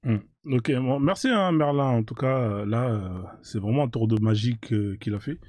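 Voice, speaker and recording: A man moderating a live online debate who calmly welcomes speakers and reassures them about the speaking order. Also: mid-range voice, normal speed, no room sound.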